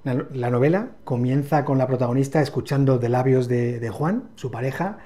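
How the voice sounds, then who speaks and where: Mellow-voiced Spanish book reviewer. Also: male voice, medium pitch. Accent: Spain Spanish. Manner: measured, explanatory summarizing. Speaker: book channel co-host.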